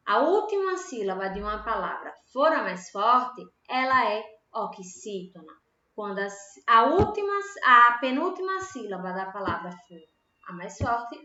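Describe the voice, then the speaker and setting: A Brazilian woman teaching young pupils a grammar lesson, slow and patient, asking questions and answering them herself. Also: a little high, lively intonation, pushed and bright. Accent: Brazilian Portuguese. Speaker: primary school teacher. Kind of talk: recorded online grammar lesson. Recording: echoey room, dull lo-fi home recording.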